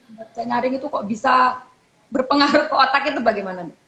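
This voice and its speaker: A woman's voice: high-pitched, quick pace, fairly bright tone. A woman hosting an online talk show, asking questions and tagging her sentences to seek agreement. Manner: seeks agreement with repeated "ya, Dok, ya?" tags. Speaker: host. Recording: roomy with faint background noise.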